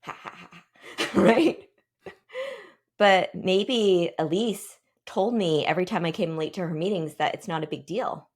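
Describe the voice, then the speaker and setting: A woman in her forties with a low voice leads a team workshop, thinking aloud and pausing between ideas. She checks in with the group with questions as she goes. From Pacific Northwest, United States. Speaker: workshop guest speaker.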